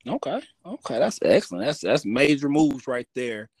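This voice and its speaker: A man interviewing a guest, asking quick questions and affirming her answers. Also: medium pitch, big pitch swings, a little mellow, husky, dry recording. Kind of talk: casual interview.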